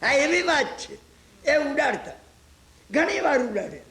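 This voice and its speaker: A man delivers a religious discourse as a story and keeps checking on his audience with rhetorical asides. His voice sits very high with a gravelly edge. The recording rings in an echoey hall. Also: sing-song, unhurried, a crowd in the background. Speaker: religious lecturer.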